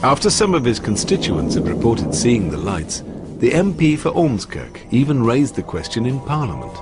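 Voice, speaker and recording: A man narrates a documentary from a script, his pitch rising and falling a great deal. Music plays clearly under him. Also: wildly swooping pitch, normal speed.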